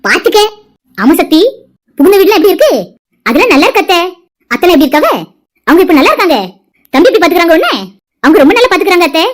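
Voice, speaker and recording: A woman voicing high, rapid-fire chatty village women. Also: very animated. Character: chatty village women, young wife and aunt. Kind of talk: animated family drama dialogue.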